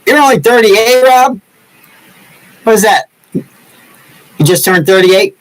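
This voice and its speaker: A man's voice: high voice, takes it slowly, rough recording. A man in his sixties from Massachusetts with no regional accent, chatting casually and teasing viewers as the host of a woodcarving livestream. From Massachusetts, USA. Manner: joking, teasing, rambling.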